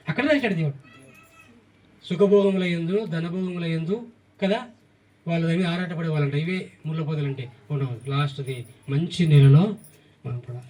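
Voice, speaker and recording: High-voiced man preaching from afar. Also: a little mellow, recorded from a distance. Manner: emphatic, repetitive lists with questions to the congregation. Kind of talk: sermon.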